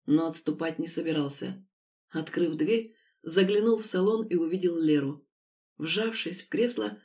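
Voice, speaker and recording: Audiobook narrator: woman, mid pitch, expressive dramatic reading. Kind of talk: scripted narration.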